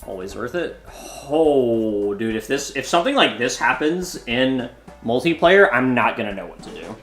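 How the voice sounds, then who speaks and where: A man's voice: medium pitch, big pitch swings, normal speed, fairly bright tone. A man in his twenties streaming a card game, chatting loosely and jokingly with viewers while he plays. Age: 20s. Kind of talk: casual live-stream commentary. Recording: roomy echo, faint music behind.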